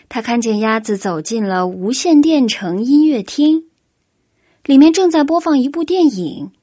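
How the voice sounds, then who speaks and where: A woman reads a children's picture book aloud, slow and unhurried. Her voice is fairly high and gentle. The recording is close and dry. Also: slightly rough, dry recording. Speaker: storyteller. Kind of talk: children's storybook reading.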